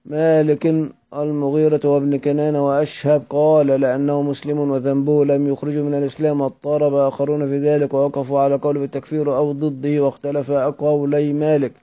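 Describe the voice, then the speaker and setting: Dark, flat-voiced man reading a lesson. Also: a little high. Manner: measured reading, repeats and corrects words. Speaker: teacher reading a classical text. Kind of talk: lesson reading aloud from a book. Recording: dull lo-fi recording.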